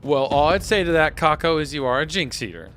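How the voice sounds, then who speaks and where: A man's voice: a little high, expressive, fairly quick, fairly bright tone, a little hiss or hum. A man running a tabletop game as game master, narrating casually with an informal, joking way of talking.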